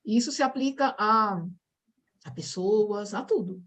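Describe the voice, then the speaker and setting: A woman's voice: medium pitch, measured pace, fairly bright tone. A woman hosting a casual video-call chat, talking in a reflective, chatty way. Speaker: host.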